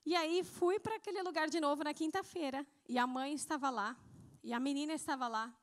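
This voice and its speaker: A woman with a Brazilian Portuguese accent giving a sermon testimony in a church service, telling her story in an animated way and acting out the dialogue. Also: high voice, a little fast. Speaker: church speaker.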